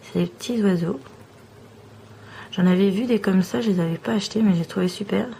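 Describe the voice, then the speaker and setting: A woman vlogger showing off small trinkets one by one in a slow, admiring show-and-tell. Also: mid-range voice, creaky, mellow, a little hiss or hum, poor audio.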